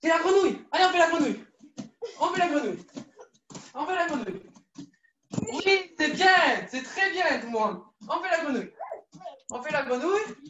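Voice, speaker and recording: A woman leading a children's judo class, coaxing and repeating each instruction in a lively way. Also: sits high, normal speed, pauses often, dull audio, background noise. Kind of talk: live online kids' class, story-led exercises. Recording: echoey room, far from the mic.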